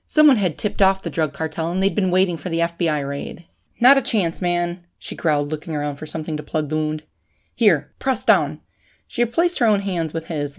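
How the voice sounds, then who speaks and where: A woman hosting a fiction podcast, reading a thriller story in a plain, steady way. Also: low-pitched. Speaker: podcast host and author.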